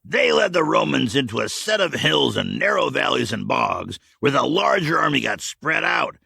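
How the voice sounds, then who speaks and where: Casting: man doing an eager older man, gravelly, lively, bright, lecturing. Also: mid-range voice, normal speed, dry recording, clean studio sound, pitched above the performer's own voice, exaggerated voice. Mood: explaining. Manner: excited, lecturing.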